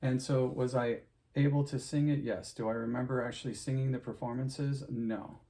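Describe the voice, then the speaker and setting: In a medium-pitched voice with fairly even intonation and a moderate pace, a middle-aged man who sings opera talks casually to his audience. His rambling chat is full of fillers and false starts, and he signs off with warm advice.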